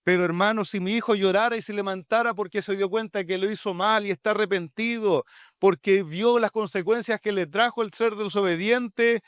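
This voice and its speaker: A man's voice: sits high, steady tone, moderate pace, fairly bright tone, clean tone, dry recording, studio quality. A man with a Chilean Spanish accent, a pastor preaching a sermon in an earnest, pleading way, often addressing his listeners directly.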